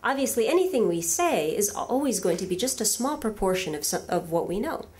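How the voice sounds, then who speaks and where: Speaking a little fast in a medium-pitched voice, a woman with Russian as her first language gives an animated academic talk from a lectern in a large hall, full of fillers and questions posed to the audience.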